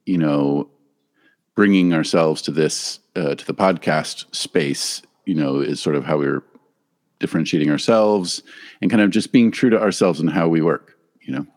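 A man's voice: sits low, unhurried, a little mellow. A man as a podcast guest, explaining in a thoughtful, hesitant way with many fillers. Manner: thoughtful, hesitant with many ums and you-knows. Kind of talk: casual interview talk. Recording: long room reverb.

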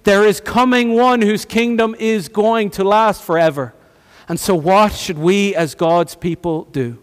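Male preacher, high voice, slow and deliberate delivery, builds from hushed to near-shouting, echoing hall. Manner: repeats phrases and asks rhetorical questions. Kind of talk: sermon. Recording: long hall reverb.

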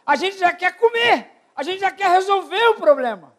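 An older man preaching a sermon at a church retreat, asking the congregation questions and calling for amens. He swings between loud shouted peaks and low quiet asides. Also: lively intonation, normal speed.

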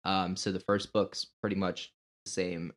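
A man's voice: low voice, level tone, measured pace. A man co-hosting a podcast in natural, unscripted casual talk, thinking aloud with some hesitation. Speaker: podcast co-host.

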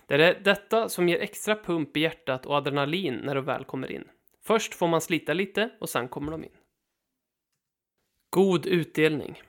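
A man reading his own hunting trip article aloud in a steady, matter-of-fact way. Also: a little high, vocal fry. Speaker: hunting writer narrating his trip report.

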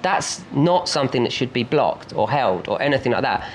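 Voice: mid-range voice, big pitch swings, moderate pace, a little hiss or hum. A street artist in a casual interview, talking in a rambling, enthusiastic way with lots of fillers.

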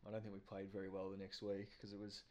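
Matey Australian man with a lowish voice. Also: completely flat delivery, fast, mellow. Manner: informal, matey. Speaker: interviewer and host. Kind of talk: casual interview chat.

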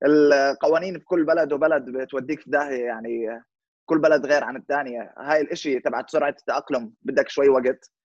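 A man's voice: mid-range voice, quick pace, no room sound, dull audio. A man in his twenties with a Levantine Arabic accent, chatting informally as an interview guest, explaining things and mixing in English words. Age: 20s. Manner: informal, explanatory, checks listener understands. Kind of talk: casual conversational interview with English words mixed in.

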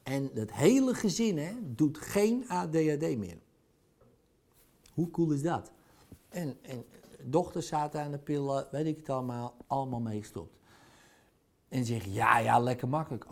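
A man's voice: on the high side, animated, moderate pace, warm tone. A man speaking in a blunt, provocative, conversational monologue, dropping in crude words as a speaker or coach. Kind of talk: casual monologue.

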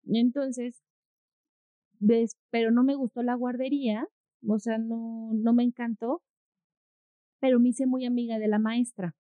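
A woman's voice: a little high, a little slow, long pauses, no room sound. A woman, a mother telling a story in casual conversation, acting out what people said. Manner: animated storyteller, acts out quotes. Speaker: co-host, mother. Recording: dry, phone-like audio.

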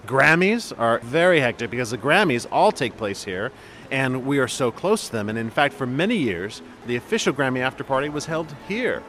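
Animated hotel man. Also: medium pitch, normal speed. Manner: lively, animated. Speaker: hotel manager interviewee. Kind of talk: interview clip.

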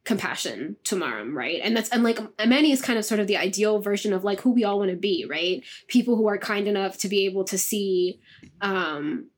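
A young woman from a Moroccan family talks casually as a guest author, peppering her sentences with "like" and asking "right?" as she goes. Her pitch sits in a middle range, and she speaks over a video call. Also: lively intonation, brisk. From Moroccan family, raised in diaspora. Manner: chatty, many "like" and "right?" tags. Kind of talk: casual interview chat.

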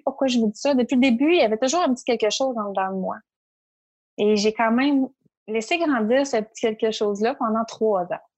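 A Quebec entrepreneur with a Québécois French accent tells her story as a guest in an interview conversation. Her medium-pitched voice is lively and animated, and she often quotes her own inner voice.

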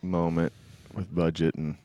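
A man's voice: deep voice, flat delivery, a little slow, warm tone. A man in his fifties, a musician and band leader, talking in an easygoing, plainspoken way in casual podcast chat. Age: 50s.

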